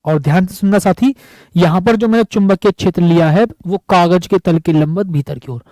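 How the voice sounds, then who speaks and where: A man's voice: high-pitched, fairly quick, dark tone, no room sound, poor audio. A man teaching physics at a board in an affectionate, repetitive way, often calling his students buddy. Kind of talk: board lecture.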